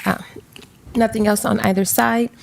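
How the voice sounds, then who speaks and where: A woman presiding as magistrate at a code hearing, speaking in a measured, procedural way with fillers, captured in a courtroom recording. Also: on the high side, flat delivery, vocal fry. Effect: courtroom recording from a hearing room. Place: public hearing room.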